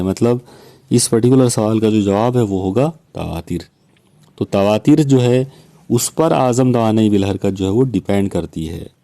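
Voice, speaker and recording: A man from India lectures on physics in a patient, explanatory way, pausing to check in with his students. His voice is very dark and mellow, sitting at an ordinary pitch for a man. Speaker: physics teacher. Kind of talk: recorded lecture solving exam questions.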